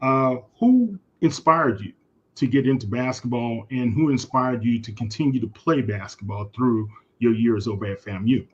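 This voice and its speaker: A man hosts a casual sports interview, asking long, rambling questions. His voice is husky and breathy at a middle pitch. The recording is dull and lo-fi. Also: moderate pace, a little mellow. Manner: conversational, asks long questions. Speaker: host.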